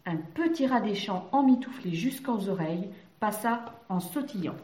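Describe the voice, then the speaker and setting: A woman narrating a children's story gently. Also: medium pitch, lively intonation, moderate pace. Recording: roomy echoey recording.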